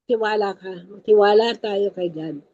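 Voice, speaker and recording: A woman's voice: medium pitch, unhurried, dark tone, dull audio. A woman giving an emphatic faith talk to a prayer group, repeating her key points and speaking to the listeners as brothers and sisters. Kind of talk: Taglish faith teaching talk.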